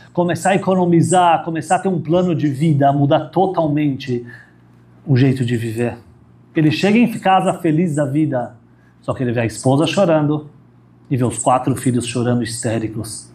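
A man giving a sermon as a rabbi, telling a story dramatically and swinging from high emphatic peaks to low, quiet phrase endings.

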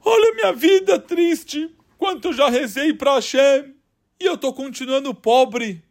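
A man's voice: very high-pitched, sing-song, normal speed, full character voice. A man acting out a poor, sorrowful man who pleads and frets in a children's story. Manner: pleading, tearful.

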